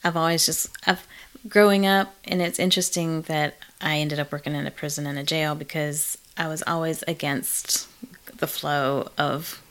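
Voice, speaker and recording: A middle-aged woman with a notably low voice talks through her experiences as a therapist. She speaks in a relaxed, reflective way, pausing with small fillers as she goes. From Malawi. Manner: reflective, frequent ums and laughs. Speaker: therapist in private practice. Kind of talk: casual interview conversation.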